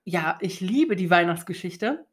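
A woman's voice: fairly low pitch, animated, a little slow. Woman co-host chatting casually. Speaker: podcast co-host. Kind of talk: casual chat.

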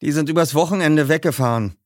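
A man's voice: on the high side, fast talker, no room sound, studio quality, pitched above the performer's own voice, lightly acted. A man voicing a boastful, offhand rich teenage skater boy. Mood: casual. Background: background music.

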